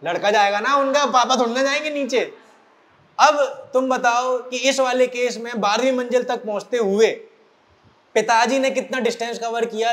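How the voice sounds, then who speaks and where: Man, teacher, from central India, high voice, storytelling, addresses students. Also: fairly bright tone. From Morena, central India. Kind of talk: storytelling lesson. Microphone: recording for an online class video.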